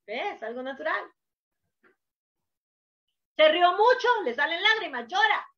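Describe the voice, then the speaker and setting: A woman preacher delivering a sermon, emphatic, swinging from hushed to loud, on a dull lo-fi recording. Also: very high voice, very animated, a little slow.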